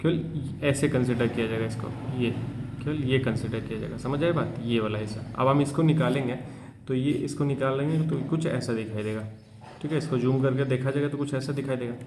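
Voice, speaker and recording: A man teaching a physics class, explaining in casual talk and reading textbook lines slowly. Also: medium pitch, fairly even intonation. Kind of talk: class lecture. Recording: echoey room with faint hum.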